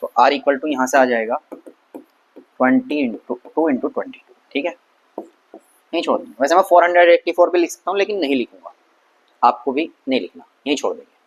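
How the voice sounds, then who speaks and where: This is a relaxed, chatty Hindi science lesson from a man with a husky, mid-range voice. He asks questions aloud only to answer them, drops in English terms, and takes English passages slowly.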